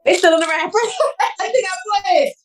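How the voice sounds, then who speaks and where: A woman in her thirties, a podcast guest chatting casually in a relaxed way and laughing easily. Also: very high voice, a little fast, poor audio. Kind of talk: casual chat.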